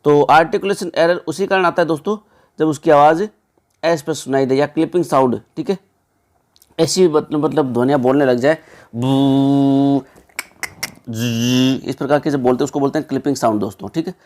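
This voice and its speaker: A young man working through exam questions as a teacher, chatty, often checking in with listeners, reading options slowly before explaining them. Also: on the high side, a little mellow. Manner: conversational, repeats "ठीक है" and "दोस्तों"; reads English options slowly, then explains.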